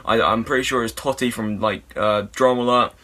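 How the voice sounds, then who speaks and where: Young guy, bright voice, mid pitch, telling a silly tale with casual swearing and dry humor. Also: fairly quick. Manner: rambling, sweary, deadpan absurd humor. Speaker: storyteller. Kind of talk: comic storytime monologue.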